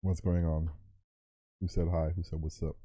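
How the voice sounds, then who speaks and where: A man's voice: extremely low pitch, little pitch movement, moderate pace, dark tone, husky, no echo. A man co-hosting a let's play, chatting casually with laid-back, brief reactions. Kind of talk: casual gaming chat.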